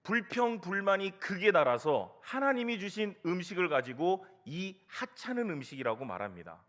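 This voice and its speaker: A male pastor delivers a Sunday sermon in a church, his slightly high voice rising and falling in wide, lively swings. He carries the congregation along with stories, quoted voices and rhetorical questions. Now and then he slips in a light, humorous aside. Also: normal speed. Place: church sanctuary.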